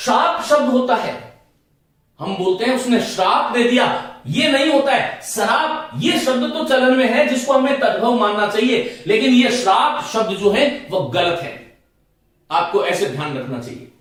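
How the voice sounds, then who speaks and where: A man's voice: extremely high pitch, expressive, moderate pace, fairly bright tone. A man teaching Hindi grammar in a classroom lecture, explaining step by step and repeating his points to the students. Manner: repetitive, explaining step by step and addressing students as friends. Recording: echoey room, voice from a distance.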